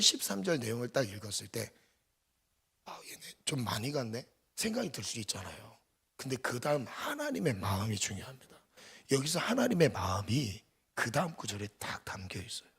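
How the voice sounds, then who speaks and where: A man preaching a sermon as pastor, swinging from loud emphatic bursts to hushed near-whispers. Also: medium pitch, huge pitch swings, a little fast, gravelly, breathy edge. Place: church sanctuary.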